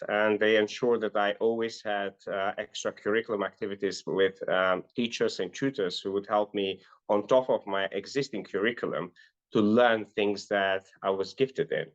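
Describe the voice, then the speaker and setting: Appearing as a guest in an interview, this middle-aged man from North Macedonia, who works as a life and business coach, recounts his life story in an earnest way with frequent "uh" fillers. The pitch is fairly low and the recording sounds dull.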